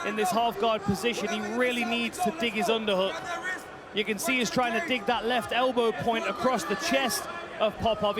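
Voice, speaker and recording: A man giving live technical fight commentary, explaining grappling step by step in an instructive way. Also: very high voice. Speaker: fight analyst. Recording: very noisy arena, loud crowd.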